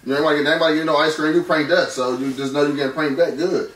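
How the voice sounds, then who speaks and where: A man's voice: on the high side, fairly even intonation, very fast, a bit bright. An American man in his thirties in casual family banter, often repeating words as he starts, recorded in a bedroom from across the room. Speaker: father in a family prank video. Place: bedroom, indoors. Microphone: camera across the room. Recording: roomy, distant camera, clear background noise.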